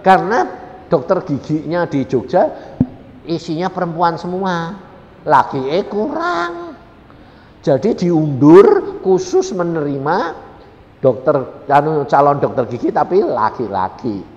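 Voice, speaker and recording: A man, preaching a storytelling sermon, dramatic and swinging from hushed to loud. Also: very animated, slow pace, dull audio. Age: 60s. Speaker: evangelist preacher. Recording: reverberant hall, faint rumble.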